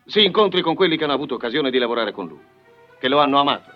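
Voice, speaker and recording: An actor playing an insistent, rhetorical newsreel editor giving orders in old dubbed film dialogue, on an old soundtrack. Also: male voice, mid-range voice, expressive, rapid-fire, lo-fi sound, soft background music, close to an everyday voice. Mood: brisk, commanding. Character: commanding male newsreel editor giving orders to his reporter.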